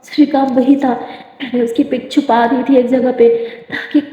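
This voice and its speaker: Anxious mother, voiced by a woman storyteller, hesitant speech, dark mellow tone, roomy recording. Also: sits high, little pitch movement, lightly acted. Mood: worried, pleading. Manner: halting, repeating words. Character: anxious young mother searching for her daughter. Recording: echoey room, dull lo-fi sound.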